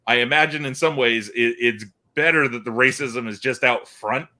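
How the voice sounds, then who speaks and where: A Canadian man chatting as a podcast guest, animated and acting out quoted people in a raised voice. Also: mid-range voice, moderate pace. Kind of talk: casual chat.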